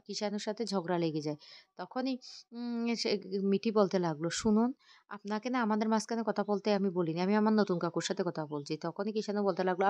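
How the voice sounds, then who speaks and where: A woman retelling a TV serial episode, quoting each character's lines in a rapid run-on narration with frequent fillers and restarts. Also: mid-range voice, darkish tone, no room sound, dull audio. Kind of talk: fast spoken plot retelling with quoted dialogue.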